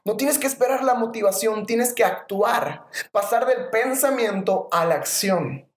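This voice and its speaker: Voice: medium pitch, a little slow. Earnest motivational podcaster in an echoey room. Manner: earnest, repetitive exhortation. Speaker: podcast host.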